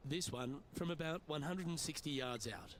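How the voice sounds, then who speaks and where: A man's voice: fairly high pitch, normal speed, fairly bright tone, slight background noise, lightly acted. A man giving polished broadcast play-by-play commentary in a golf video game. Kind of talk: sports commentary.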